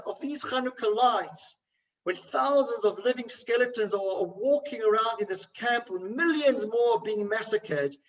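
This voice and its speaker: A man's voice: high voice, far from the mic, natural voice, rough recording. A man voicing an anguished adult male camp inmate who bitterly and pleadingly questions, his voice raised.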